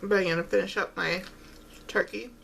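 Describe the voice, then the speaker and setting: A woman talks casually over a meal, chewing between and during her halting phrases. Her voice has a strong creaky fry at a middling pitch. Faint noise sits behind her. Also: steady tone, a bit bright. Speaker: vlogger eating on camera while talking. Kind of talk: casual mukbang-style chat.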